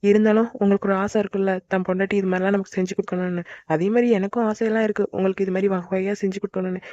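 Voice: mid-range voice, level tone, very fast, a little mellow, no room sound, highs cut off, close to an everyday voice. Figure: a voice actor doing a sweet eager young wife. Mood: sweet, pleading. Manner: sweet, pleading. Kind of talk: cartoon voice acting.

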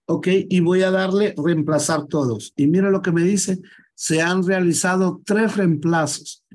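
A man with a slightly higher voice leads a live computer class, calmly going through each step on screen. He repeats himself and checks in with his students to make sure they follow. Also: rough recording. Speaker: computer skills teacher. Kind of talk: live online class, explaining screen steps.

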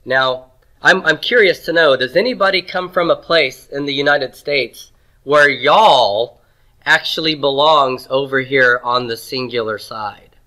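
In a Texas classroom, a man with a mid-range voice teaches Hebrew grammar at a measured pace, his tone sharp. He explains patiently and conversationally, clearing his throat now and then during the lecture. The audio quality is poor.

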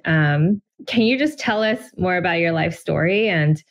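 A woman's voice: on the low side, animated, moderate pace. A woman hosting an interview over a video call from a room at home, asking questions in a friendly, hesitant way with many fillers. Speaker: interview host. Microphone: video call webcam.

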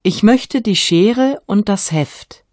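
A woman reading vocabulary aloud with clear pronunciation in a studio course recording. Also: mid-range voice, animated, slow, darkish tone, no echo. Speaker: vocabulary reader. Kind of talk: scripted reading.

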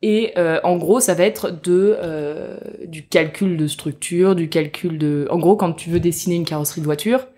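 A woman's voice: fairly low pitch, moderate pace, few pauses, mellow. A young woman, a guest engineer, explaining her work in a casual podcast interview at a festival, with many fillers and restarts. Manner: hesitant, many fillers and restarts, laughs easily. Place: festival venue.

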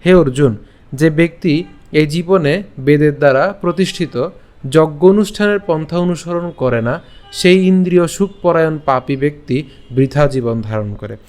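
A young man patiently teaching pronunciation, reciting verses slowly syllable by syllable and asking and answering his own questions. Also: on the high side, a little mellow. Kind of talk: pronunciation lesson with slow recitation.

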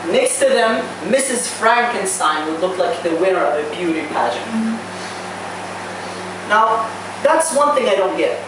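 A young man works through a stand-up set, stumbling over restarts and leaving drawn-out pauses. He talks into a handheld mic in a small bar, but the sound comes from a camera across the room. It is very roomy and distant, with a steady background noise. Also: high voice. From Saudi Arabia. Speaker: stand-up comedian. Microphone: handheld mic, recorded by far camera.

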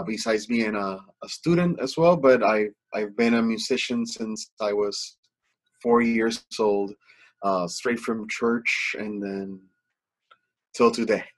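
A man's voice: lowish voice, measured pace. A man in his thirties from Puerto Rico with a Puerto Rican accent, a guest musician talking casually and stammering a little on a video call. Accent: Puerto Rican Spanish-accented English.

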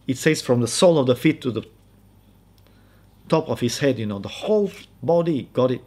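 A man preaching in a casual, conversational style with a Malaysian English accent, emphatic and animated. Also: medium pitch, normal speed. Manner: animated, emphatic, acts out quoted voices. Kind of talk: conversational sermon.

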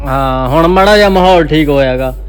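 A man's voice: fairly high pitch, fairly quick, clean tone. A man with a Punjabi accent vlogging in casual, colloquial banter with his roommates. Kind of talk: casual vlog chat with roommates.

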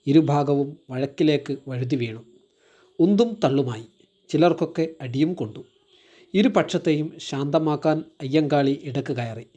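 A man reading a school textbook story aloud in measured, expressive storybook narration. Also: a little high.

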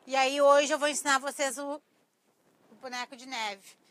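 A woman's voice: high voice, fairly even intonation, moderate pace, fairly bright tone. A middle-aged Brazilian woman with a thin, reedy, cracked voice, chatting informally to viewers as she teaches a live craft class. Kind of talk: casual live-stream tutorial chat. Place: small cluttered craft workshop indoors. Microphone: clip-on lapel mic.

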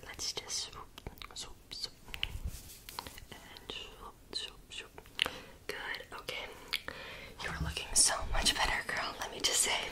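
A young woman in a whispered role-play as a sassy, condescending mean girl, talking close up in a fast, chaotic way and repeating words in rapid strings. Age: young adult. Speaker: ASMR performer. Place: small room indoors.

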